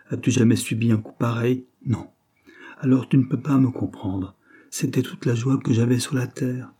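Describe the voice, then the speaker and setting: A man reading a classic novel aloud as an audiobook, narrating in a measured way and raising his voice for agitated dialogue. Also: on the low side, mellow, slightly rough. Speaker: audiobook reader.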